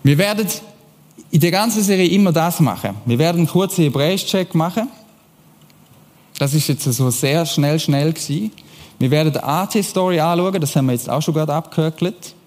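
A man preaches to a congregation, keeping a conversational tone and often putting questions to his listeners. His voice sits fairly high for a man. The sound rings with the long reverb of a church hall. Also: a little fast, a little mellow. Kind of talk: sermon.

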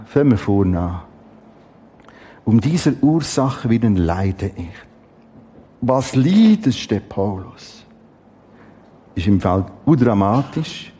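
A middle-aged man preaching a Bible teaching, dramatic and emphatic with exclamations and long pauses. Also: mid-range voice, mellow, husky.

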